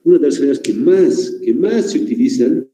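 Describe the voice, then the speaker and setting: Man, classroom lecture, very mellow tone, roomy echo. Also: medium pitch, lively intonation, normal speed. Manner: questioning, checks in with listeners often. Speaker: teacher. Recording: echoey room.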